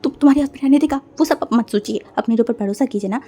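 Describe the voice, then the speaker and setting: A woman's voice: a little high, racing, mellow, soft background music, lightly acted. A woman voicing a protective young man who urgently reassures someone. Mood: reassuring.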